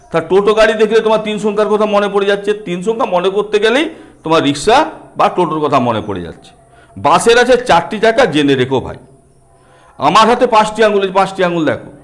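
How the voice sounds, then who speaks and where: A middle-aged man with a Bengali accent, patiently explaining a counting book to small children. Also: high voice. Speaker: teacher and book author.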